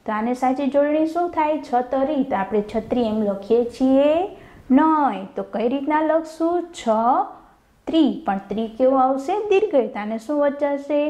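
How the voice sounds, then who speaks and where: Woman, Gujarati accent, primary teacher, fairly high voice, very slow dictation pace, asks and answers herself. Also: warm tone, reverberant, low-quality recording. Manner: asks questions and answers them herself, drawing out answer words slowly. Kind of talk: slow dictation-style lesson for young children.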